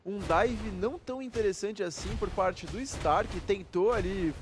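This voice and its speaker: A man's voice: sits high, measured pace, noisy background. A man with a Brazilian accent giving casual, slangy, chatty commentary as co-caster of a live esports match.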